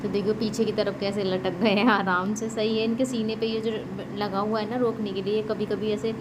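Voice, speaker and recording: A woman's voice: medium pitch, little pitch movement, normal speed. A woman chatting casually to viewers in a home vlog, explaining each step of her caregiving routine as she does it. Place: at home during heavy rain. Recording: rain noise in background.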